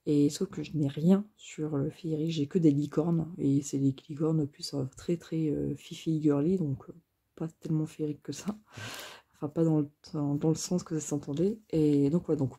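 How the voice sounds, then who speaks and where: A woman rambles casually through a craft-supply haul, full of fillers and self-mocking asides. Her voice is dark and mellow, with a husky, breathy edge. Gravelly fry runs under her words. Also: low voice. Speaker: crafting vlogger.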